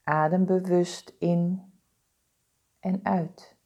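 A woman leading a guided body-scan meditation, giving calm, soothing, deliberate instructions with pauses. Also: on the low side.

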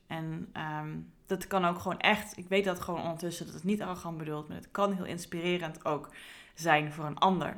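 Woman, slightly low voice, earnest reflective coach monologue, hesitant fillers. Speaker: career coach and podcast host. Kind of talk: casual podcast monologue.

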